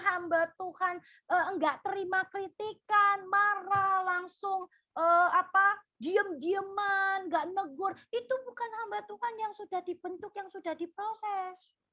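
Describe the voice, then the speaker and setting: A woman's voice: very high voice, bright, forceful tone. A middle-aged woman giving a firm, admonishing sermon-style lecture to ministry students, tagging her sentences with a frequent "ya". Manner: firm, admonishing, repeats "ya" often.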